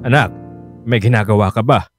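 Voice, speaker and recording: In a radio drama, an actor plays a concerned, insistent middle-aged Filipino father who speaks earnestly, yet in a hesitant, casual mood. His voice sits on the low side and moves briskly, close to an everyday voice, over a dry studio recording with music underneath.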